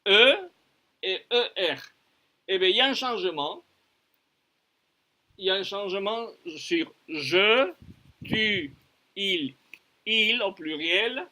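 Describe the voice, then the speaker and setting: A man teaching a lesson on verb conjugation, slowly repeating and spelling out each form. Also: high voice, animated, bright, forceful tone. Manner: slow and deliberate, repeating and spelling out forms; switches between French and Spanish explanations. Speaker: French teacher.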